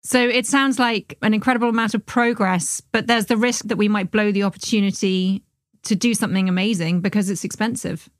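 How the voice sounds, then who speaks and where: Crisp woman podcast host. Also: mid-range voice, fairly even intonation, fairly quick, no echo, clean studio sound. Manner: crisp, inquisitive. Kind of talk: scripted interview hosting.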